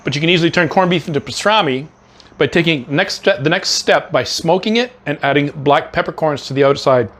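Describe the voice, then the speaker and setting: Middle-aged guy w a slightly high voice, chatty cooking vlog from his kitchen, lots of ums and restarts. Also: fairly quick, fairly bright tone. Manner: chatty, enthusiastic, many fillers and restarts; talks with mouth full while tasting. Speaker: cooking channel host. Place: home kitchen.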